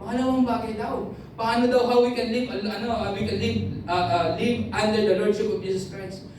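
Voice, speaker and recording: A woman preacher, giving a lively storytelling sermon that mixes languages and imitates other people. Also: fairly high pitch, normal speed, noisy background. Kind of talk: sermon mixing Tagalog and English. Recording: echoey hall from far off, faint ambience.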